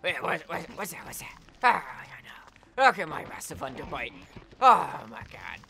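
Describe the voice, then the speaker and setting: A young man giving casual, profane gameplay commentary, getting excitable and swearing often as he plays. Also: a little high, fairly quick, gravelly, a crowd in the background. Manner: excitable, swears a lot, yells at the game. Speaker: let's play gamer.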